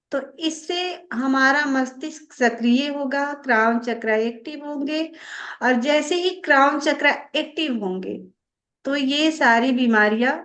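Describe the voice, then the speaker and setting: Woman meditation teacher, calm and explanatory, unhurried, high-pitched delivery. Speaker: spiritual teacher. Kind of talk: slow spiritual guidance talk.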